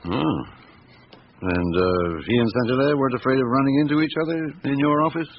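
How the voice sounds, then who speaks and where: An actor playing a patient police chief inspector in a classic radio drama, asking courteous, terse, probing questions. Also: male voice, a little fast, close to an everyday voice. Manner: terse, courteous questioning with low murmured responses. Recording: dull, hissy old radio recording.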